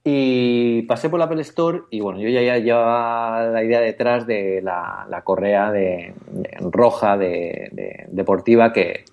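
Podcast co-host: male, slightly low voice, lively rambling storyteller who laughs often. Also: a little slow, vocal fry, hardly any pauses, lo-fi sound. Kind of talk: casual podcast chat, personal anecdote.

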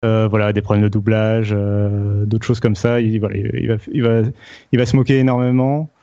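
A young man chatting on a podcast panel, halting with many fillers and restarts. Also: on the low side, level tone, warm tone, lo-fi sound. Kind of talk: casual podcast chat.

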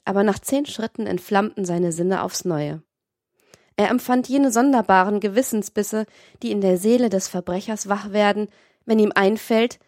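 A woman's voice: medium pitch, darkish tone, no room sound. Woman narrating an audiobook, dry sound. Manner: measured, literary storytelling.

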